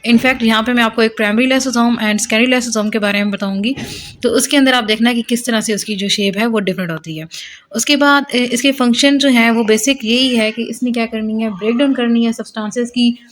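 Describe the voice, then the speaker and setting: A woman teaching biology at a whiteboard, her voice sitting a little high. She explains in a patient lecture style, posing questions and answering them herself. She mixes English science terms into her sentences. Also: steady tone, a little fast.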